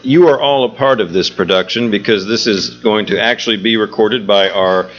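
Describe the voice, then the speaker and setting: Speaking at normal speed in a slightly bright voice on the low side, a man acting as theatre director and host jokes his way through an informal welcome to a live crowd. He's the theatre's executive director, captured on a dull lo-fi live recording with background music.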